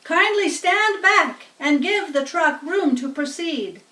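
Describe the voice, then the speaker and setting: A woman voicing a pompous, booming loudspeaker announcer at a country fair in a storybook reading, speaking formally and grandly. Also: animated, full character voice. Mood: grand, proclaiming. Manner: pompous, formal, slow proclaiming. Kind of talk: storybook character voice. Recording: roomy, distant-sounding home recording.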